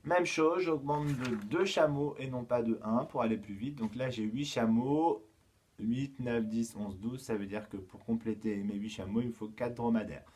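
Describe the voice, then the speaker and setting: A man teaching a remote lesson to young children, counting aloud slowly and patiently, with frequent fillers as he explains. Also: medium pitch, a little mellow, husky. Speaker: kindergarten teacher.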